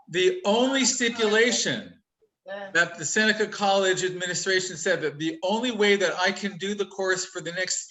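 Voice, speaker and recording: A college instructor runs a casual online class over a video call, chatty and upbeat, talking fast and teasing his students with jokes. His high voice sounds pushed and bright, and the audio quality is poor.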